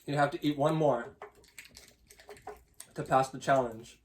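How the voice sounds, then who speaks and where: A man's voice: mid-range voice, fairly even intonation, a little slow, far from the mic. A man hosting a casual family challenge, talking while eating sour candy. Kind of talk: casual chat to camera and family. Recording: noisy home recording, off-mic.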